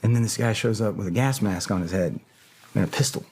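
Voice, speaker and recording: Deep-voiced man telling a blunt story. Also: a little fast, a little mellow, slight background noise. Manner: profane, blunt and hesitant. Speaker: podcast guest. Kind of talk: casual storytelling.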